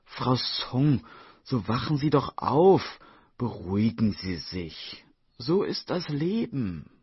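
Guy doing a proud matchmaker lady, emphatic and self-righteous, husky, dry dull. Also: lowish voice, very animated, measured pace, no echo, full character voice. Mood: urgent. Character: shrewd middle-aged female matchmaker, proud. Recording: dull, dry studio voice-over.

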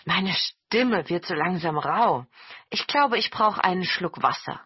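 A woman's voice: lowish voice, expressive, a little slow, breathy edge, no room sound, muffled recording, full character voice. Woman doing a humble old village man. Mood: mild.

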